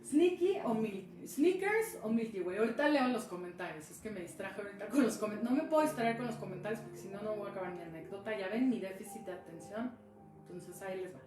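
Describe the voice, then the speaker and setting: A woman's voice: mid-range voice, fast, a little mellow. A woman telling a personal story casually on a live stream, acting out the dialogue as she goes. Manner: chatty, acts out dialogue in the story. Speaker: speaker sharing a personal experience. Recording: echoey room with music behind.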